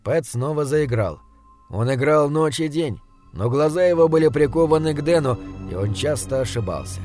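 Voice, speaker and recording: A man reading a story aloud in a measured, even storytelling manner. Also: a little high, soft background music. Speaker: audiobook narrator. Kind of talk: scripted narration.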